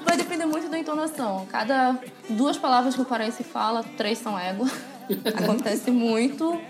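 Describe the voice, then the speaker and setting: A woman with a Pará accent chats on a podcast in a lively, playful way. Her voice sits a little high, and music can be heard behind her. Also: moderate pace. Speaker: podcast guest. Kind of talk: casual chat.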